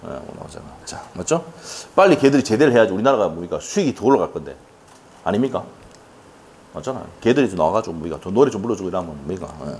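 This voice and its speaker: A man's voice: lowish voice, darkish tone. A middle-aged man teaching an exam-prep law lecture, firing rhetorical questions and chatty asides at his students.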